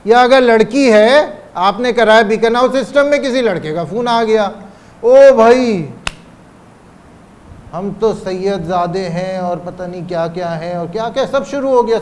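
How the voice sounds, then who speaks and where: High-voiced man preaching. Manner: rhetorical questions, emphatic repetition, drawn-out stressed phrases. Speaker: cleric giving a religious lecture. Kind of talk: Urdu religious lecture on parenting.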